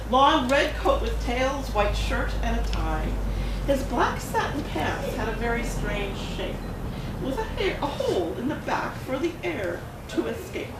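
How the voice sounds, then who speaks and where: In a gallery event room, a woman author reads a picture book aloud in an animated, high voice, delivering the rhymes expressively with bouncy emphasis. The dramatic reading is recorded from a distance in a reverberant space with background noise.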